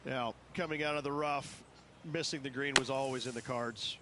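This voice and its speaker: A man's voice: mid-range voice, steady tone, moderate pace, natural voice. A man voicing a golf commentator for a game, giving descriptive analysis with emphasis on difficulty. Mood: emphatic, descriptive. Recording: clear outdoor ambient noise.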